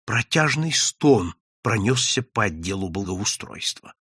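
Husky guy reading an audiobook, lively and wry, dry close sound. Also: lowish voice, a little slow, dry recording. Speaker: audiobook narrator. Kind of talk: scripted literary narration.

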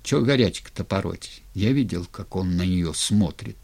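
A man's voice: deep voice, moderate pace, gravelly, darkish tone, slightly rough, full character voice. A man reading a blunt, practical Cossack comrade in an audiobook, talking in coarse, plain speech. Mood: gruff, blunt.

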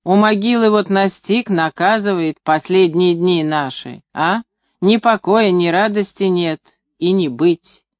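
A reader voicing a gruff, bitter old grandfather. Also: medium pitch, a little slow, dry recording, natural voice. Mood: hushed fearful.

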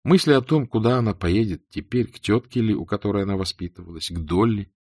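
Deep-voiced male narrator, measured literary reading, dry close recording. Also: darkish tone, husky, no echo. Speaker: audiobook narrator.

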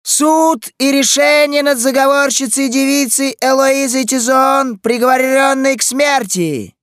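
Hoarse town crier yelling, man doing the voice, high and loud and proclaiming. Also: measured pace, no echo, studio quality. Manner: shouted proclamation from afar. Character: hoarse street herald bellowing a verdict. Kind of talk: audiobook character voice.

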